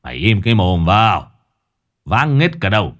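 A man voicing a gruff, hard-drinking old male exorcist who scolds and gives blunt orders. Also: deep voice, sing-song, fairly quick. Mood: scolding.

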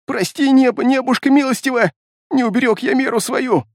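A man's voice: high-pitched, lively intonation, normal speed, no room sound, clean studio sound, pitched above the performer's own voice. A man voicing a terrified, half-mad male beast-man who pleads and babbles frantically, in an audiobook. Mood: frantic.

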